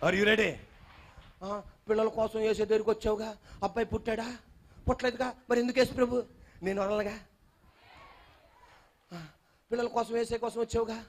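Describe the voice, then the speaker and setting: A man's voice: high voice, fairly even intonation, a little fast, long pauses. A male pastor delivering a sermon to a congregation, with fervent, repetitive call-and-response preaching. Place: church.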